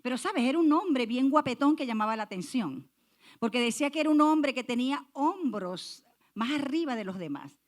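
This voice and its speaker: A woman's voice: high-pitched, lively intonation, normal speed. Emphatic woman preaching a sermon. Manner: emphatic, repeats key phrases and addresses the congregation. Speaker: pastor. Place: church.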